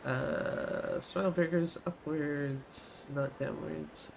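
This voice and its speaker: Male game streamer, fairly high voice, casual play-along commentary, noticeable noise behind him. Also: very slow. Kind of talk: casual gameplay commentary, reading game dialogue aloud. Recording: clear background noise.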